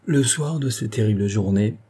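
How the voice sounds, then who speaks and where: A man narrating a classic novel as an audiobook, reading in a steady, deliberate way. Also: lowish voice, breathy edge. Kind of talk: scripted narration.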